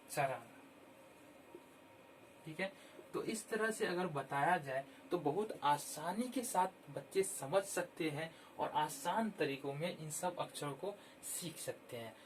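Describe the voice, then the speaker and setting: A man teaching children how to spell words, repeating each word slowly and clearly. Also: on the high side, a little hiss or hum. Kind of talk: slow, patient Hindi spelling lesson.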